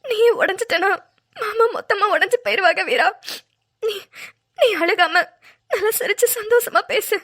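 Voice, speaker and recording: A woman's voice: very high-pitched, a bit bright. A woman voicing a tearful young village wife. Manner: tearful, halting, crying through her words. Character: young village wife Veera, tearful, hiding her husband's injury. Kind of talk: Tamil cartoon voice acting.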